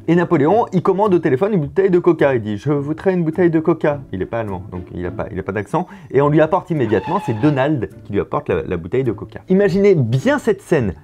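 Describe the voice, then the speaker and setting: A man's voice: medium pitch, mellow, dull audio. A man in his thirties hosting a casual educational video, explaining a memory trick and often repeating words as he goes.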